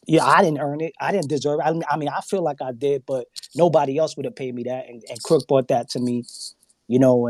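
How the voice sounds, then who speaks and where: A man's voice: mid-range voice, darkish tone, dry recording. A man on a podcast telling stories in a casual, profane way, acting out quoted dialogue and laughing often. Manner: profane, emphatic. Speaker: guest on a podcast.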